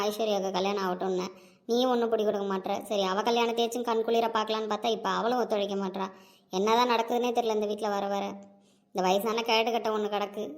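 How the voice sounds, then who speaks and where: A woman's voice: mid-range voice, natural voice. A woman voicing a doting but scolding old grandmother in an amateur audio drama, talking in a nagging, complaining way.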